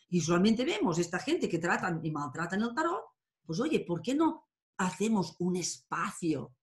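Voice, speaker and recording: A woman telling stories in a casual interview, founder of a tarot school, peppering her talk with "oye" and "¿eh?". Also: mid-range voice. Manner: animated, frequent filler "oye" and "¿eh?".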